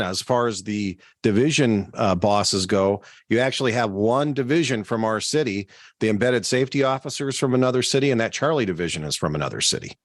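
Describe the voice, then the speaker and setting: A man's voice: mid-range voice, no echo, clean studio sound. A man speaking as a fire service panelist in an unscripted discussion.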